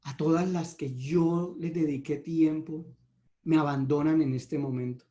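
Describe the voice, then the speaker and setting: A man's voice: fairly high pitch, fairly even intonation, measured pace, mellow, highs cut off, close to an everyday voice. A man voicing a dying old king who laments his own blindness, told within a sermon. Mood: regretful. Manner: lamenting, self-reproaching.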